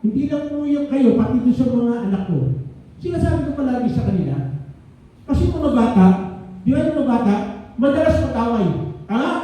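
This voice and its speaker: A man's voice: extremely high pitch, dark tone. An older man, a grandfather, preaching a sermon in a conversational way, often checking in with the congregation. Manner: conversational preaching with frequent "No?" asides. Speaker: pastor. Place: church hall. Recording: echoey room from a distance.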